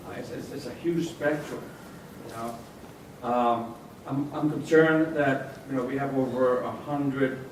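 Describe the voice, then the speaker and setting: A man speaking as a state legislator on a panel, halting with many fillers and restarts. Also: mid-range voice. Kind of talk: panel discussion remarks. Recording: echoey hall, distant mic, noisy.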